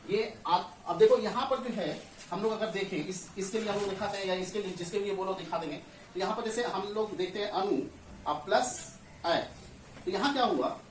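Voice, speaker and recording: A man's voice: high-pitched, brisk, a little hiss or hum. A male teacher explaining Hindi grammar step by step in a classroom lesson, often asking a question and then answering it himself. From Bihar, India. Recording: echoey room, mic at a distance.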